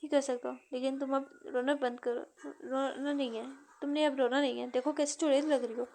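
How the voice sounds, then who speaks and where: A woman voicing a protective young man, gentle with his family, in a read-aloud novel. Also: high-pitched, flat delivery, brisk. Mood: tender.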